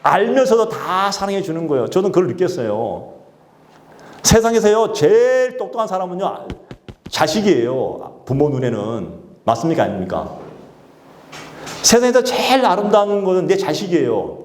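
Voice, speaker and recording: A man's voice: high-pitched, big pitch swings, normal speed, slight background noise. A male pastor delivering a sermon and calling on the congregation to respond. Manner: exhorting, calls for congregation responses. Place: church sanctuary. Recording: echoey church sanctuary.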